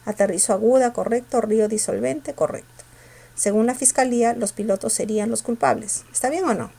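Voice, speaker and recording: Gravelly-voiced woman teaching a class. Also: on the high side, dark tone. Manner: asks students quick rhetorical questions. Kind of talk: exam review lesson.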